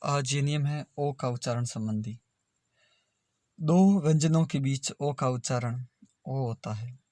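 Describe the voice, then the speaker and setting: A man's voice: mid-range voice, measured pace, a little mellow. A man teaching English pronunciation in a video lesson, spelling words out letter by letter and repeating them.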